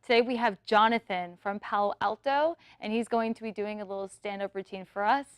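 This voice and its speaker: A woman's voice: medium pitch, fairly quick, clear, resonant tone, dry recording, clean studio sound, natural voice. A woman playing an upbeat female talent-show host who introduces the judges and the acts. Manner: upbeat presenter patter.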